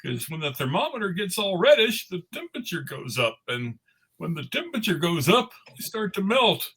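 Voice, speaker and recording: A man voicing a cheerful, naive snowman who has come to life, with a raspy voice and innocent, exclaiming delivery, in a live cartoon script reading. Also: sits high, sing-song, normal speed, fairly bright tone, full character voice. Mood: worried. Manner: wide-eyed, exclaiming, innocent.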